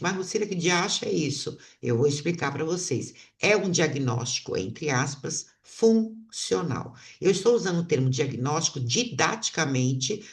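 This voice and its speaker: A woman's voice: low voice, distant mic. Woman lecturing, a bit off-mic. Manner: explanatory, with frequent tag questions and rhetorical questions. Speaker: instructor of integrative therapies. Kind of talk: online lecture.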